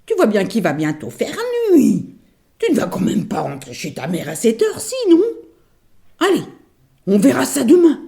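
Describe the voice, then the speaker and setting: A woman storyteller voicing a greedy, hairy ogress with a gruff, loud, mocking voice. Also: medium pitch, huge pitch swings, moderate pace, pitched above the performer's own voice. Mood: coaxing. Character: greedy hairy female ogress, sly and gluttonous.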